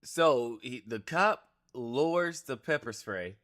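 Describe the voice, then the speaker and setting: A man's voice: medium pitch, lively intonation, takes it slowly, fairly bright tone. A man hosting a gaming stream, giving casual, profane, incredulous reaction commentary and lecturing the people in a video clip. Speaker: let's-play host reacting to a clip.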